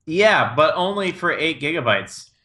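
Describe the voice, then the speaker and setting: Lively bright-voiced man co-hosting. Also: on the high side. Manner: quick, teasing interjections. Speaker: podcast co-host. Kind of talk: casual tech podcast chat.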